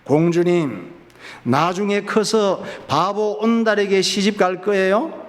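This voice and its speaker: A pastor voicing palace court ladies who tease a crying little princess in a coaxing tone. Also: male voice, high-pitched, slow pace. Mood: teasing. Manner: teasing, coaxing. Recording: reverberant church hall.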